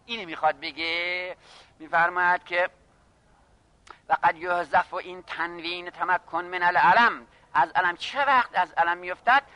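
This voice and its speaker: A man teaching a classroom lesson on grammar, reading phrases slowly and then explaining them briskly while addressing his students. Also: high-pitched, bright, forceful tone, no room sound. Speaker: seminary teacher of Arabic grammar.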